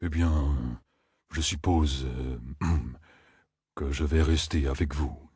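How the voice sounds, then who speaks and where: A man voicing a gentle, timid giant creature who speaks slowly and hesitantly. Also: rumbling low, husky, no room sound, studio quality, voice pushed down, full character voice. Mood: plaintive. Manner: slow, hesitant, mumbling. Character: gentle giant male Ogier scholar, timid.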